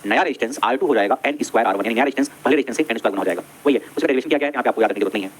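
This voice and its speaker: A male teacher giving an exam-prep lecture on electricity, repeating each definition several times and quizzing his students. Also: mid-range voice. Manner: brisk, drilling, addresses students directly.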